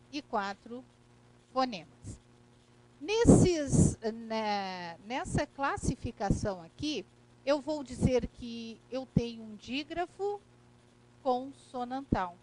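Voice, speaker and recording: A woman's voice: a little high, a little mellow, a little hiss or hum, low-quality recording. A woman with a Brazilian Portuguese accent teaching a recorded grammar lesson, explaining step by step and checking in with "né?" and "correto?".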